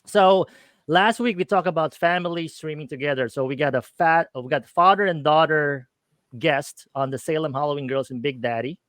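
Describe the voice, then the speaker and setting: His voice is a little high and fairly bright, moving at a moderate pace with no echo in the sound. The middle-aged man, who has a Filipino accent, co-hosts a streamed talk show in casual chat, cheerful and peppered with fillers as he hesitates.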